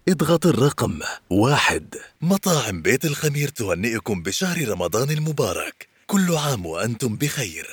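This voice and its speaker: A man's voice: medium pitch, breathy edge, dry recording. A man reading scripted phone menu announcements in a formal, courteous customer service voice. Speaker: voice-over artist for phone greetings.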